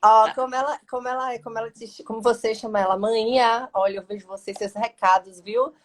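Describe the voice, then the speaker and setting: A woman with a Bahian Brazilian Portuguese accent hosts a casual live-stream interview, speaking a little fast in a steady, somewhat high voice. She's a lawyer and mentor, chatty and affectionate, with long, winding sentences.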